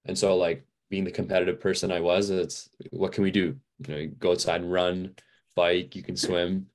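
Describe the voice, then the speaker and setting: Deep-voiced young man rambling casually. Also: level tone, moderate pace. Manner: rambling, many fillers and restarts. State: a little fatigued. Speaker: podcast guest. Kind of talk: casual interview chat.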